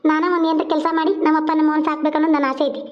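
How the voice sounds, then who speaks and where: An earnest, dutiful young village girl from a cartoon serial, voiced by a woman, talking things through. Her voice is high and she speaks quickly. The sound is a little dull. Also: level tone, natural voice.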